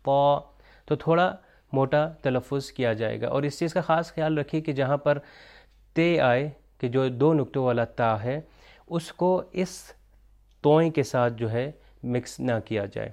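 Man, mid-pitched voice, smooth and resonant, lesson narration, slow chanted examples. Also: a little mellow. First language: Urdu. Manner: explanatory, mixes in English terms, slow chanted recitation of examples. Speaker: Quran recitation teacher. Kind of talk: recorded pronunciation lesson.

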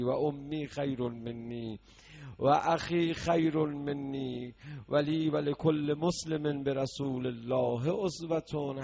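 A man preaching a mourning sermon that moves from quiet explanation into loud, sung lament. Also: mid-range voice, gravelly. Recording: dull lo-fi recording.

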